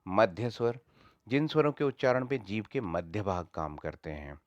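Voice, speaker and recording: A man's voice: on the low side, moderate pace, no echo, dull audio. A man teaching a lesson, patiently repeating each point in several ways. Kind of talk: explanatory lesson.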